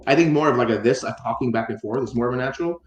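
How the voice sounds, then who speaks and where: A man's voice: mid-range voice, very fast, roomy sound, muffled recording, slight background noise. Rambling casual man, lots of "like". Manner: rambling, many fillers and restarts, swears casually. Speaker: podcast co-host. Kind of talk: casual chat.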